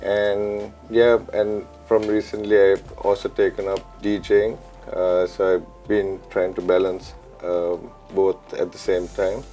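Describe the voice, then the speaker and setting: A man in his thirties from Sri Lanka, a chef and DJ, answering interview questions in a relaxed, reflective way with many ums and uhs, on a lapel mic in a studio. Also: low voice, slow pace, hardly any pauses, soft background music. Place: studio set with pink backdrop.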